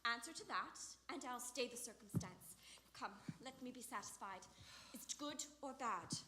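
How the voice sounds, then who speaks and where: A woman's voice: a little high, animated, moderate pace, noisy background, natural voice. A woman acting an eager, impatient young girl in love on a theatre stage, pressing with urgent questions. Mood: pleading. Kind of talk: live stage acting of verse drama. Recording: roomy theatre stage sound.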